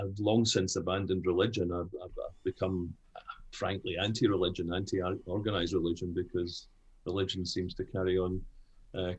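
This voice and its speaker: A man's voice: low voice, breathy edge, low-quality recording. A Scottish man, older, speaking frankly as an interview guest, with many restarts. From Scotland. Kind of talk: conversational interview.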